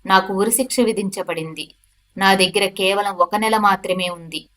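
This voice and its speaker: A woman voicing a hardened male death-row prisoner who speaks in loud, forceful declarations in a storytelling. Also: mid-range voice, steady tone, moderate pace, close to an everyday voice. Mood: defiant.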